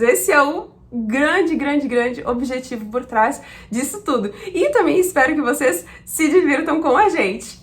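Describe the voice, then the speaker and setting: A woman from Brazil teaching pronunciation, patiently spelling out sounds one at a time. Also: sits high. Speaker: English teacher. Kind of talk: explanatory lesson.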